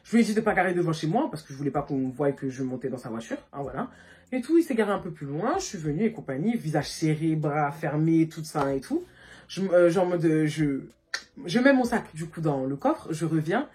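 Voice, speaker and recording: A woman vlogger telling a story in a casual, animated way, talking loosely and full of filler words, recorded on a phone. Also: low-pitched, a little fast, breathy edge. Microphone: phone camera.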